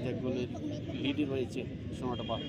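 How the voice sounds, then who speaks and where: A man's voice: mid-range voice, little pitch movement, brisk. A man giving frantic live football commentary outdoors in short, urgent calls. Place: outdoors at a local football ground. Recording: noisy outdoor field with traffic ambience.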